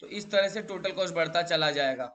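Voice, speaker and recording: A man's voice: on the high side, fairly quick, pushed and bright. A male teacher lecturing a class, drilling students with repeated questions and calling them beta.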